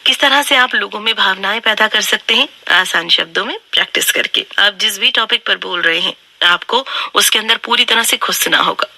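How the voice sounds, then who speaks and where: A woman narrating a book summary in a steady, instructive, scripted way. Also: medium pitch, normal speed, hardly any pauses, dry recording.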